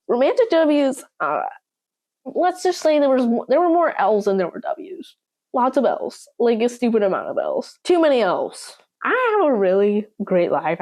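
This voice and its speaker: A woman's voice: mid-range voice, darkish tone. Chatty young woman with a slight Southern accent. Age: young adult. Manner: chatty, playful, self-mocking. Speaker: vlogger. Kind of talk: casual chat to camera.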